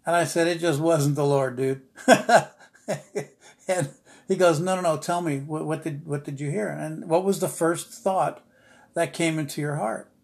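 A man's voice: fairly high pitch, steady tone, moderate pace, vocal fry, a little mellow. A middle-aged man hosting a devotional podcast, telling a story in a rambling way with many fillers and restarts and a dry, sarcastic humor. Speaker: podcast host, ministry teacher. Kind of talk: informal devotional podcast talk.

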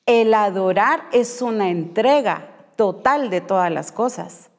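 Slow, emphatic woman preaching in a hall. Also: mid-range voice, darkish tone. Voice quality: emphatic, repeats key phrases. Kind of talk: sermon. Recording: long hall reverb.

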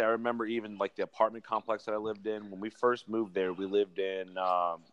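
An easygoing young man guesting on a casual podcast, telling stories about his childhood at a relaxed, friendly pace. His voice sits on the low side for a man. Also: slight background noise. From born in South Carolina, military family. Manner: easygoing, storytelling.

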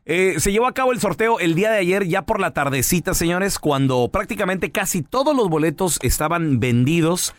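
Mexican male radio host, talky explainer, slightly high voice. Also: expressive, moderate pace, hardly any pauses, no echo, clean studio sound. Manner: explains news stories at length to co-hosts. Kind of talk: casual radio chat.

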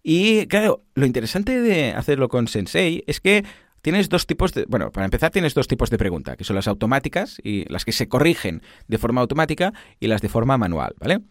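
A man in his thirties, explaining software in a casual, animated way full of tag questions and examples. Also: mid-range voice, fairly quick, no echo, clean studio sound. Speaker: podcast host explaining software.

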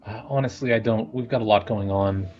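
A man with a fairly low voice plays a tabletop game, joking in a dry, deadpan way. The recording sounds dull and lo-fi. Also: brisk, faint music behind. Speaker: player. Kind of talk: casual tabletop game play.

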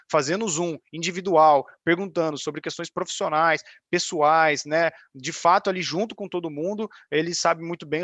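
A man with a Brazilian Portuguese accent presents informally on a video call in a fairly high voice. The sound is dry, and he explains step by step, punctuating his points with little tag questions. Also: fairly bright tone, dry recording. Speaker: financial advisory firm leader presenting. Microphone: video call microphone.

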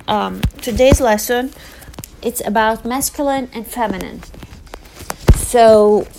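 Slow, patient woman teaching a language. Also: a little high, background noise. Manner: slow, repetitive teaching with many fillers. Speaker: Arabic tutor. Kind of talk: casual online language lesson.

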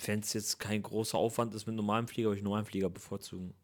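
A young man co-hosting a casual podcast, talking in a dry, teasing, deadpan way. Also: fairly low pitch, fast. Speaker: podcast co-host, comedian. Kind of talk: casual chat.

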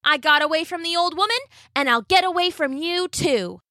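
A woman's voice: extremely high pitch, moderate pace, bright, forceful tone, no room sound, studio quality, pitched above the performer's own voice. A woman voicing a cheeky runaway gingerbread cookie boy in a taunting sing-song chant.

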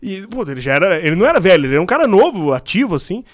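A man's voice: high voice, big pitch swings, rapid-fire. A man tells a college story in casual chat, joking and slangy.

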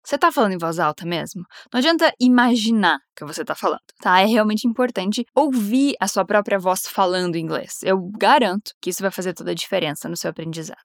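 Brazilian woman, English teacher, mid pitch, upbeat drills, dry booth. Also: no room sound. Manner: encouraging, models phrases slowly then explains quickly. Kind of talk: English lesson for Portuguese speakers.

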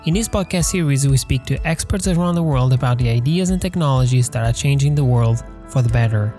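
A man hosting a podcast, reading scripted narration in an even, read-aloud delivery. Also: mid-range voice, a little fast, faint music behind. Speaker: podcast host.

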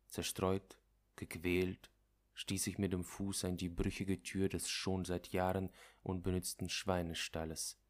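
A man with a very low voice reads a literary story aloud as its narrator. His pacing is measured and dramatic, and he lets the first-person tension build line by line. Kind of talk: literary audiobook reading.

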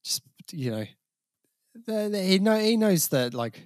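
A man's voice: high-pitched, sing-song, measured pace, no echo, studio quality. A man co-hosting a casual podcast, easygoing, laughing and answering briefly. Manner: easygoing, laughs, short replies. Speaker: podcast co-host. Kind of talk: casual chat.

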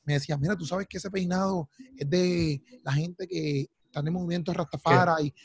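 A young man with a Puerto Rican accent, telling animated stories in a casual chat and calling his friends "loco" and "papi". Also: on the high side, moderate pace. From Puerto Rico. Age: young adult.

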